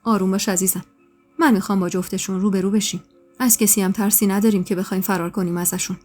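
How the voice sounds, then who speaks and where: A woman reading the part of a tender young husband in an audio story, speaking softly and soothingly. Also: mid-range voice, fairly even intonation, faint music behind, lightly acted. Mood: reassuring. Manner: soft, affectionate, soothing.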